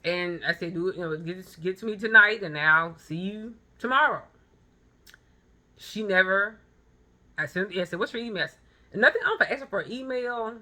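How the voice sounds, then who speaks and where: In her thirties, this vlogger and photographer delivers a blunt, emphatic motivational monologue full of personal anecdotes, repeating phrases for emphasis. Her mid-range voice is expressive, brisk, pushed and bright.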